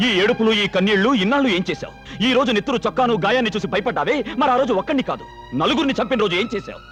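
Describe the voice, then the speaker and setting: An actor playing a stern, righteous local strongman who lectures forcefully in a film drama. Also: high voice, expressive, racing, soft background music. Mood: reproachful. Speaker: local strongman called Anna.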